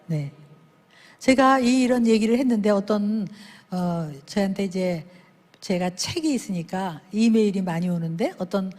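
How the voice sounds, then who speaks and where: A woman speaking at a church service, telling lively stories and acting out the people in them with big swings in her voice. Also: a little slow. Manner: animated, acts out dialogue with big pitch swings. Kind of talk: lively sermon storytelling with acted quotes. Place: church sanctuary. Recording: long reverb of a church hall.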